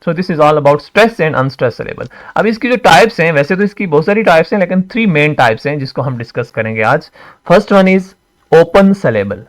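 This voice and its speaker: English teacher man, slightly high voice. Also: animated. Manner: repeats words slowly, asks and answers his own questions. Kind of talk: classroom explanation.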